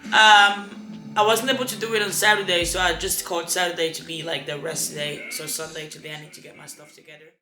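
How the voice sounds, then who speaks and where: A woman's voice: fairly low pitch, fairly even intonation, quick pace, reverberant, over music. A young woman and student vlogging casually to camera in her apartment, rambling and chatty with lots of fillers. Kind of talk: casual vlog chat to camera. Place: apartment indoors.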